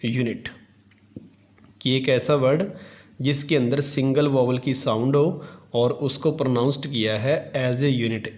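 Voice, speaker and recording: A man teaching an English grammar lesson in Hindi, explaining step by step, asking and answering his own questions, and drawing out English terms slowly as he dictates. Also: medium pitch, a little mellow.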